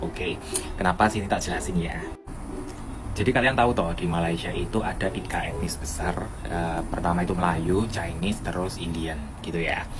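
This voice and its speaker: A man from Bali tells a personal story in a relaxed vlog style. His voice sits a little low, and his delivery is chatty and full of lively asides. Background music plays clearly under the whole recording. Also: moderate pace. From Bali, Indonesia. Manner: chatty, animated retelling with asides. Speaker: vlogger living abroad. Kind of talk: casual storytelling.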